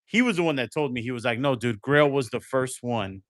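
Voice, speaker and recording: A man's voice: mid-range voice, a little fast, no echo, clean studio sound. A man chatting casually on a podcast, reacting to a story and recalling his own. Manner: reactive, relaxed interjections. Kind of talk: casual chat.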